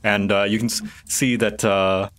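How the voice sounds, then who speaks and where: A man narrating as game master in a tabletop game, casual and halting. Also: fairly low pitch, flat delivery, a bit bright.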